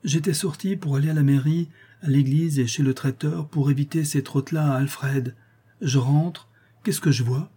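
Male reader playing a flustered old concierge lady, shrill and raised high, fussing endlessly, a husky edge under it. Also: normal speed, warm tone. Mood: excited. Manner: shrill, fretful, fussing endearments. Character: fussy old woman concierge, excitable and doting.

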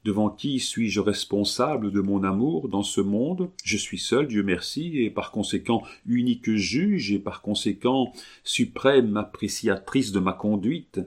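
A man's voice: fairly low pitch, lively intonation, unhurried. A man reading an audiobook, voicing a passionate, determined young woman who presses her questions ardently. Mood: defiant.

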